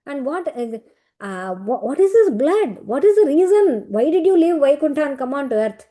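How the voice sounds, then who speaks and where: A woman's voice: high voice, sing-song, mellow. A woman voicing Varaha, a male divine boar lord, who fires worried questions at a wounded companion. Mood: worried, questioning. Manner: pressing rapid questions.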